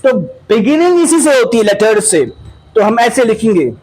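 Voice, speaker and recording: High-voiced man teaching a class. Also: animated, moderate pace, darkish tone, poor audio. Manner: mixes Hindi and English, quizzes the class, drills sounds. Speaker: English teacher. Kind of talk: classroom lesson.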